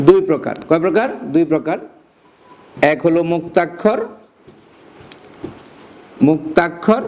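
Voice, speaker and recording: A man's voice: sits high, a little mellow. A male teacher giving a grammar lesson, breaking phrases into single words, repeating them and quizzing the listener.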